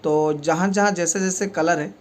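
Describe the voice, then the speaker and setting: A man's voice: fairly high pitch, steady tone, moderate pace. A man with speech, a repair technician who explains each step of fixing a table fan in a plain way, with many fillers. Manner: speaks while working with his hands.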